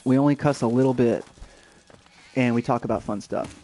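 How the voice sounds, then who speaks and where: A young man chats loosely over his game stream, stopping and restarting his sentences. His voice sits in a mellow, warm register. Faint noise sits under the talk. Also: mid-range voice, normal speed. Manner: rambling, many fillers and restarts. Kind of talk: casual let's-play chat.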